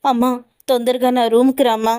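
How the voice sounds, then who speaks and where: A woman's voice: fairly high pitch, little pitch movement, a little fast, warm tone, smooth, natural voice. A woman reading the lines of a frightened, timid young husband in a retold family drama, in a pleading, fearful way. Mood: scared.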